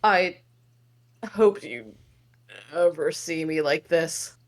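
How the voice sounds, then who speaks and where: A woman reading the part of a remorseful old king who has been turned into a frog, in an amateur table read. She speaks earnestly and haltingly. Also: deep voice. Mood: apologetic.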